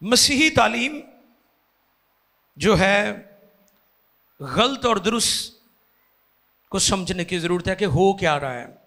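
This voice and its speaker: Preaching a sermon on a church stage, a man in his forties speaks into a handheld microphone with real passion. His voice is bright and high with some gravel, and his delivery is slow, full of pauses and lively intonation, rising into loud, fervent peaks.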